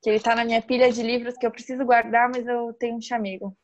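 A woman chatting casually on a podcast, telling an animated, slangy story. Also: fairly high pitch, quick pace. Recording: slightly dull, muffled sound.

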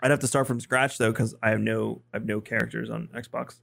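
A man's voice: fairly low pitch, little pitch movement, brisk, gravelly, a bit bright, no room sound, studio quality. A man co-hosting a casual gaming podcast, rambling with many restarts and frequent laughs. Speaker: podcast co-host. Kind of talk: casual chat.

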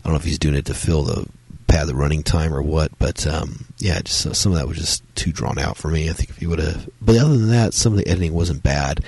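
A man with a very deep, gravelly voice, strained by a cold, hosts a solo podcast reviewing films in a loose, casual way. He rambles with lots of fillers and restarts, talking fast with hardly any pauses in a slightly mellow tone. The recording is dry.

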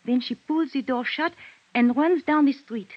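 A jittery french lady witness, broken english, french accent, kinda high voice, dry muffled old radio. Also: moderate pace, no echo. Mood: earnest. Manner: broken English, careful wording. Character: nervous young French woman witness. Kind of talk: 1950s radio drama acting.

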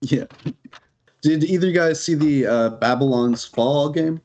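A man's voice: a little high, unhurried, darkish tone, dull audio. A man casually chatting about video games on a podcast, rambling and laughing often, with casual swearing.

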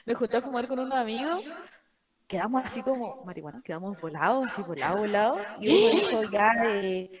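A young Chilean woman talks in a chatty, slangy way, her voice pitched high. The audio is dull and lo-fi, with voices chattering behind her. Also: very animated, brisk, a crowd in the background. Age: young adult. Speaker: podcast guest. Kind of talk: casual chat.

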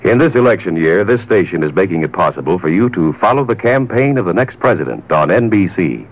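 A man's voice: low voice, sing-song, a little fast, low-quality recording. A man announcing an upcoming program in formal, polished 1940s radio style.

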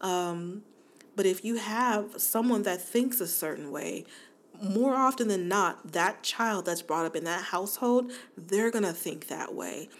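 A woman in her forties hosting a podcast in a casual, chatty monologue, laughing often and talking straight to her listeners. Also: mid-range voice. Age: 40s. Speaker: podcast host.

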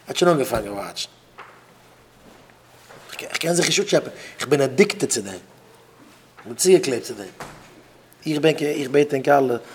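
A man's voice: medium pitch, a little hiss or hum. Emphatic man preaching, phrases repeated. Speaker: rabbi giving a talk. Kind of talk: informal sermon to students.

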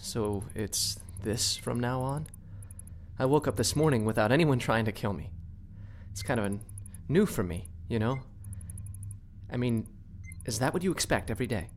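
A woman's voice: a bass voice, animated, normal speed, a little hiss or hum. An actress voicing a hesitant, rambling young male crew recruit in an audio drama.

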